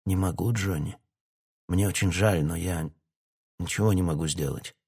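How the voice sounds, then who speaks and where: Quiet apologetic prisoner, low husky voice, audiobook, a man doing it. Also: moderate pace. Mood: sorry.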